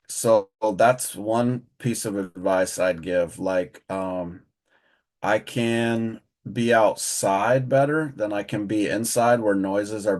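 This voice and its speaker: A man panelist and educator, answering a question with a fairly low voice. He speaks slowly and haltingly, pausing on "um" as he gathers his thoughts. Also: darkish tone. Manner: slow, hesitant, with frequent "um"s.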